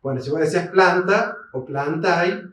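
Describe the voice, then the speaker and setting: A man with an Argentine accent giving a seminar lecture. He explains terms slowly, spells them out syllable by syllable and checks in with listeners through short tags. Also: a little high, a bit bright. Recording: very echoey hall, mic far off.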